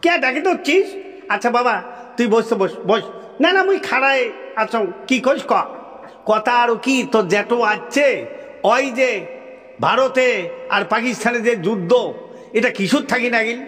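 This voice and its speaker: A man's voice: very high voice, lively intonation, moderate pace, fairly bright tone, in a large hall. A man voicing chatty old village men in a folk puppet-show dialogue, speaking with a Rajbanshi accent and a folksy, repetitive manner. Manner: repetitive, folksy, laughing asides.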